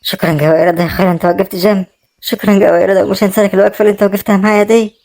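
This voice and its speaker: A woman's voice: medium pitch, level tone, very fast, dark tone, lightly acted. An actress with an Egyptian accent playing a younger sister who feels guilty and thanks her brother, pleading and apologetic. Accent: Egyptian Arabic. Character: grateful, guilt-ridden younger sister about to marry. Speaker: actor in a web drama.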